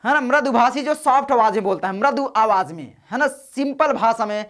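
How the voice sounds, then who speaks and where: A man tutors students through an exam paper in a loose, conversational way, peppering his explanations with quick check-ins. He stays easygoing and encouraging. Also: very high voice, lively intonation, fairly bright tone. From northern India. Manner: casual, chatty, addresses students as brothers. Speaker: teacher.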